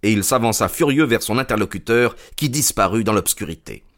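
Low-voiced male storyteller. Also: expressive, a little fast, a bit bright. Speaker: narrator. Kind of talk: scripted story narration.

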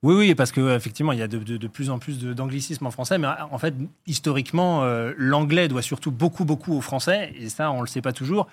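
A man's voice: medium pitch, fast talker, hardly any pauses. A man explaining things in casual chat, with many fillers and restarts. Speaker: guest linguistics enthusiast.

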